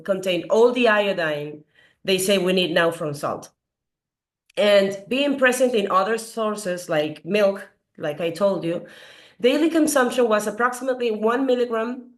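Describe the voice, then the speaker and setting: A middle-aged doctor from Peru delivers an earnest, explanatory health lecture in a medium-pitched voice slightly hoarse from a recent cold. She poses questions to her audience and uses frequent fillers.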